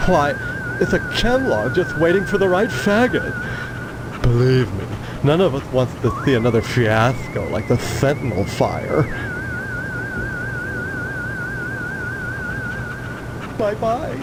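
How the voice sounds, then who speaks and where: Game role: flamboyant fireman, arch and pompous, extremely animated intonation, noisy dated audio. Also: a little high, unhurried. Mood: defensive, fussy. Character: flamboyant prissy fireman who loves sketching nude men. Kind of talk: theatrical video game character acting.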